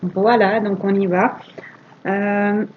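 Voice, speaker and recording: Woman, card-reading host; slow, flat delivery full of hesitations, slightly muffled lo-fi recording. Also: mid-range voice, noisy background. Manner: hesitant, frequent "euh" fillers; asks the cards aloud, gentle and patient. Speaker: tarot and oracle card reader. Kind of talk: monthly card reading for viewers.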